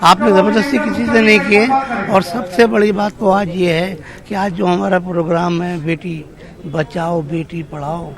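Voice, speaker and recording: Male interviewee, high pitch, emphatic delivery, loud crowd behind. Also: flat delivery, unhurried. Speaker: interviewee at a procession. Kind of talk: street interview.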